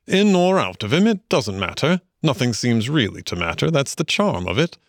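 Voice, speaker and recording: A man's voice: mid-range voice, big pitch swings, moderate pace, no echo, clean studio sound, voice pushed up. A man reading a storybook aloud, voicing a genial, dreamy male water rat who speaks solemnly and enthusiastically.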